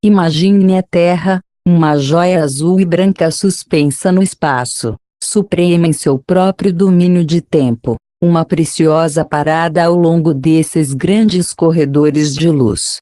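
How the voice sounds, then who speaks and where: A narrator reading a script in a soothing, measured, instructional way, like a guided meditation at a spa. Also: mid-range voice, fairly even intonation, warm tone, no room sound, studio quality.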